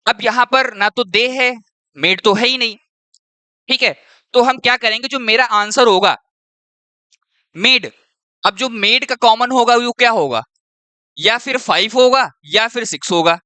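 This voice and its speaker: A man's voice: extremely high pitch, a little slow, pauses often, sharp tone, clean tone, no echo. A male teacher talking through an exam-prep lesson step by step. He keeps checking in with the students as he goes. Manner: checks in with students often and keeps saying "your".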